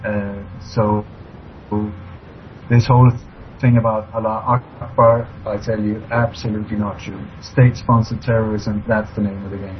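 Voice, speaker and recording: A man from Sweden, speaking as a radio interview guest with many pauses and fillers. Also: on the low side, little pitch movement. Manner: halting, many fillers, emphatic. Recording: dull lo-fi recording, faint hiss.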